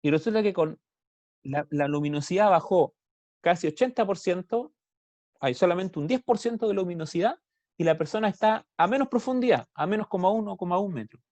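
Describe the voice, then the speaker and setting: A man's voice: high-pitched, expressive, brisk, darkish tone, no room sound. Chilean man teaching math online. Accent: Chilean Spanish. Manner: explains step by step, asks students questions. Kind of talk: online class lecture.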